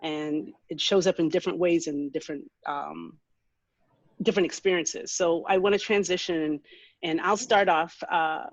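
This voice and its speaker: A woman from Jamaica moderating a faculty panel and telling a personal story in a conversational, animated way. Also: fairly low pitch, moderate pace, no echo. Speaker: moderator, business school dean. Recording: slightly dull lo-fi audio.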